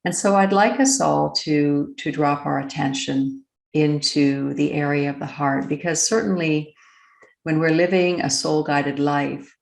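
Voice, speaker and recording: A woman with a very low, markedly creaky voice leads a slow, unscripted guided meditation, speaking gently and deliberately with long pauses. Her intonation stays fairly even, and the recording sounds clearly roomy and echoing.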